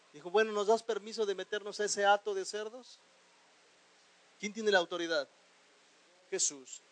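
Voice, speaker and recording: High-voiced pastor preaching. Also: male voice, poor audio. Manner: asks the congregation questions and has them repeat phrases; animated preaching with sudden loud bursts. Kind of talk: sermon.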